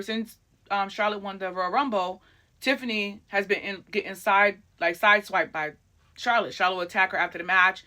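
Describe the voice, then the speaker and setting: A woman hosts a casual recap with a bright, forward tone. She talks in an excitable, chatty rush, packed with fillers and asides. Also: medium pitch. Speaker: wrestling recap host.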